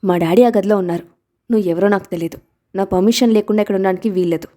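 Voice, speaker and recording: A stern little boy from a storybook, bossy and indignant, guarding his father like a grown-up, as a woman reader puts him on. The tone stays mellow and soft-edged, even when he scolds. The boy voice sits close to the reader's own. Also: medium pitch, very fast, natural voice.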